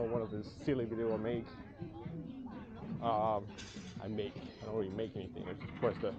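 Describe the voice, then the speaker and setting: A French travel vlogger with a French accent wanders an outdoor night market, chatting, joking and rambling with lots of fillers and self-deprecation. His fairly low voice is caught by a 360 camera mic he carries, in a dull lo-fi street recording. Loud street and crowd noise and vehicles fill the background.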